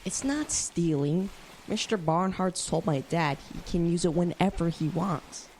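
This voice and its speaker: In a youth radio drama, a young performer plays a bold, scheming teenage boy who leads a gang of kids, sounding confident, persuasive and informal. The voice is medium-pitched, measured and a little mellow, close to everyday speech, with noticeable background noise.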